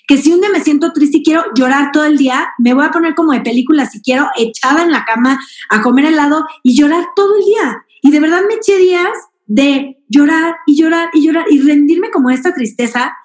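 A woman's voice: sits high, echoey room. A woman, a host chatting casually and telling personal stories with many fillers. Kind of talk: casual chat.

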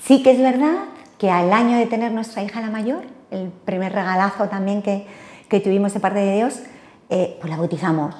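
A woman's voice: mid-range voice, moderate pace, dark tone, reverberant. An older woman from Spain, giving a personal faith testimony as an interview guest, talking hesitantly with many fillers and tag questions.

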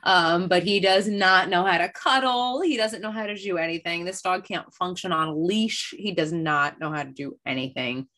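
A woman's voice: on the low side, moderate pace, few pauses. A woman with a New Jersey accent, co-hosting a casual podcast on a video call, profane and joking. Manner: profane, joking, animated storytelling. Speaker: podcast co-host.

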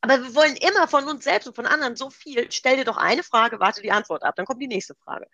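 A woman's voice: high-pitched, fast, pushed and bright, no room sound, muffled recording. A middle-aged woman coach explaining self-coaching exercises step by step in an interview, in a practical, example-driven way.

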